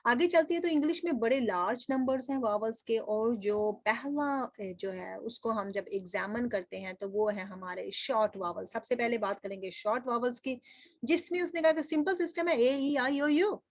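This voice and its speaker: A woman gives a recorded linguistics lecture in a fairly high voice. She explains step by step, poses rhetorical questions and tells her students what to underline. The recording sounds dry, with no room echo. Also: normal speed. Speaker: linguistics teacher.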